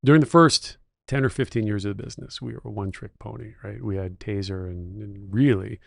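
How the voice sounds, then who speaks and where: A middle-aged man co-hosting a podcast, with a gravelly, fry-edged voice. He speaks at an ordinary pitch and tells stories with keen enthusiasm, and the sound is dry and close with no room echo. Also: a little fast. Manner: enthusiastic storyteller, techno-utopian. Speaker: podcast co-host. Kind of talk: casual chat.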